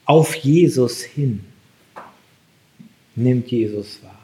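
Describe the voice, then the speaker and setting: A man preaching a sermon, slow and emphatic, his voice lifting sharply on the key phrases. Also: mid-range voice, warm tone.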